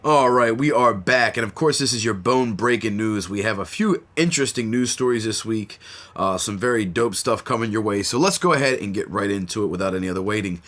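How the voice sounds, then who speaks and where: A man hosts a horror podcast in casual chat, laid-back and slangy with plenty of fillers, his voice stuffy from a cold. He speaks briskly in a lowish, fairly bright voice.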